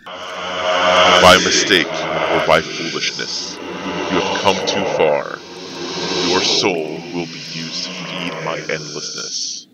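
A man voicing a malevolent undead thing in a tabletop game, a dry, dark, menacing whisper from the darkness, slow and grandiose. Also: low-pitched, little pitch movement. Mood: cold menace. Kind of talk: tabletop game villain role-play. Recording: loud background noise.

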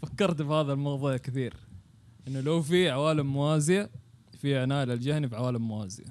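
A man's voice: mid-range voice, quick pace, a little mellow. A Saudi man chatting casually and thinking aloud, dropping English words and phrases into his Arabic. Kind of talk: casual, musing chat.

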